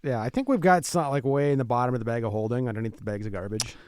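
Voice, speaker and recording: A man's voice: medium pitch, racing, darkish tone, clean tone, no room sound, clean studio sound. A man playing a tabletop game who jokes around. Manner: joking. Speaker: player.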